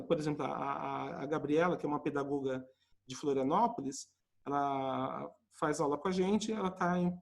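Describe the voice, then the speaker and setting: A man with a Brazilian Portuguese accent teaching English, explaining with lively acted-out example dialogues. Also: on the high side, creaky. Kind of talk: live online English lesson.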